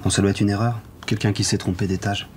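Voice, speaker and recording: An actor as a curt low-voiced man. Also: level tone, fast, slight background noise, lightly acted. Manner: curt and cold. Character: curt man in his apartment, irritated by an intruder. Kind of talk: film dialogue.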